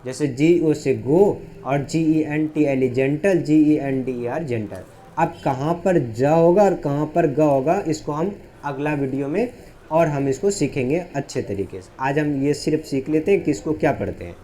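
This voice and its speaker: A man teaching English phonics in a lesson, asking the class questions and answering them himself, spelling letters out slowly. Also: a little high, mellow.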